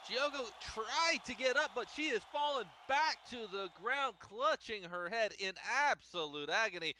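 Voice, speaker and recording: A man works as a wrestling color commentator in a high, bright voice. He is wry and dramatic, swinging his pitch around as he analyses the action. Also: lively intonation, normal speed, slight background noise.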